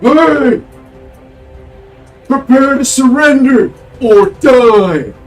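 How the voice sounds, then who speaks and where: A man voicing a hostile giant raider with a booming, shouting, commanding voice in a tabletop game. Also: lively intonation, drawn-out words, reverberant, distant mic, faint music behind, heavily acted. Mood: menacing, shouting. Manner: menacing, commanding.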